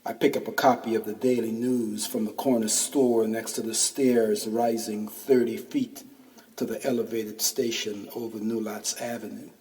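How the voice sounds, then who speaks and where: A man's voice: on the low side, little pitch movement, normal speed, darkish tone. A man in his fifties reading his own first-person essay aloud, wry and full of street slang, heard from a distance in a reverberant room. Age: 50s. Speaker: podcast host and narrator.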